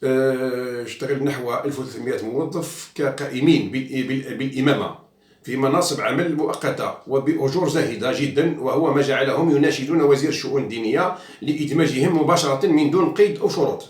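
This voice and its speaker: A man's voice: medium pitch, fast, recorded from a distance. A man with an Algerian Arabic accent gives an outspoken, mocking monologue as a journalist commentator, slipping into French and stumbling through restarts. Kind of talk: casual monologue. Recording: echoey room, away from the mic.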